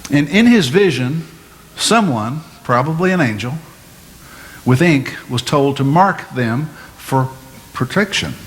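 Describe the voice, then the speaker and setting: A man's voice: fairly high pitch, lively intonation. Man teaching a sermon in a reverberant hall. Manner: measured, explanatory, with rhetorical questions. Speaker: pastor. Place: church sanctuary. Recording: long hall reverb, faint room noise.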